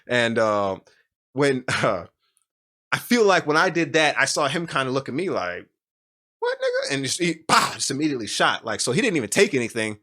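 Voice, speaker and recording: A man's voice: medium pitch, big pitch swings, a little fast, pushed and bright. A man telling a personal story in casual chat, rambling and emotional, with many restarts and fillers. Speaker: podcast guest.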